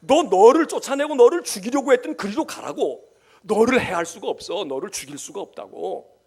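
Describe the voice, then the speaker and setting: A man preaching a sermon, voicing God as a blunt, forceful commander who orders a weary prophet back to his task. He speaks the role in plain, colloquial commands. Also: sits high, expressive, moderate pace, breathy edge, exaggerated voice. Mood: commanding.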